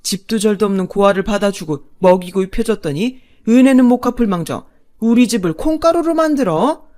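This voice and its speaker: A woman voicing an angry, domineering older father-in-law who yells with contempt. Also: mid-range voice, expressive, a little fast, lightly acted. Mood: raging. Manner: yelling, contemptuous.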